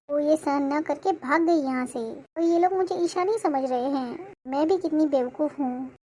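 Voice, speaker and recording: A woman voicing a bold, sharp-tongued young heroine in a cartoon, talking in a bossy, cutting way. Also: sits high, natural voice. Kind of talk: cartoon voice acting.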